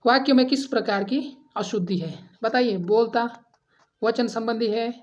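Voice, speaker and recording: A woman's voice: on the high side, moderate pace, darkish tone, highs cut off. Woman teacher drilling Hindi grammar questions. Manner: addresses students as friends, asks and answers quiz questions; drills answers, repeating option letters. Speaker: exam prep teacher. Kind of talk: Hindi grammar exam lesson.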